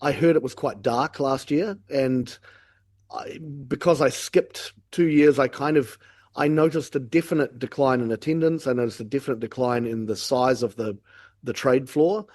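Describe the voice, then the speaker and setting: A man's voice: medium pitch, moderate pace, a little mellow. A man with a New Zealand accent, talking candidly and reflectively as a guest in a casual podcast discussion.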